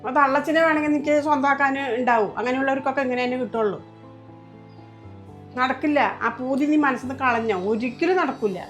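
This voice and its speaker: A woman's voice: sits high, fast, soft background music, natural voice. A woman playing a stern mother in a family short film, emphatic and reproachful. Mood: angry, scolding. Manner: scolding, emphatic, lamenting. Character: stern mother, fiercely protective of her daughter-in-law. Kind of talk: home-made family drama acting.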